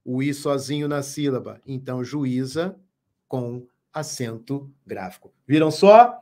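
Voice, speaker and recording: A man teaching a live online grammar lesson, speaking slowly and emphatically, repeating key words and asking viewers questions. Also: mid-range voice, a little mellow. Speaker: Portuguese teacher.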